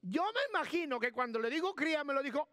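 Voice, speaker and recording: A man's voice: very high voice, expressive, fast, pushed and bright, dry recording, studio quality. A man pastor delivering an emphatic sermon in church, repeating key words and giving instructions to the sound booth.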